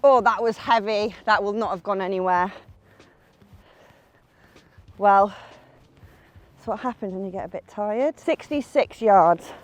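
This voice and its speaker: Medium in pitch and steady, this young woman speaks unhurriedly with long pauses over slight background noise. She's a golf vlogger playing a round outdoors, giving a casual, self-deprecating play-by-play and coaching herself through each shot.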